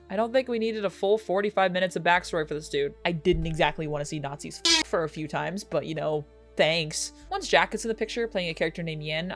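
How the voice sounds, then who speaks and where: A young woman reviewing films in casual chat, sarcastic and swearing freely, with sudden jumps up in pitch for jokes. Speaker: film reviewer.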